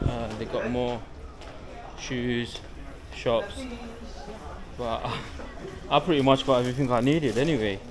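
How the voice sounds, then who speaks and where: This London man, speaking with a London accent in a mid-range voice with lively intonation, talks slowly and leaves long pauses as he vlogs through an outdoor bazaar and its shops. He chats casually and warmly to viewers, calling them guys, amid busy street and crowd noise.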